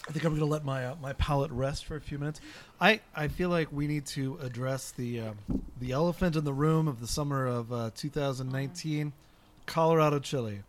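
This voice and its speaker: A man's voice: on the high side, a little fast, a little hiss or hum. A man hosting a casual chat who asks questions and steers the conversation during a chili tasting. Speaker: host.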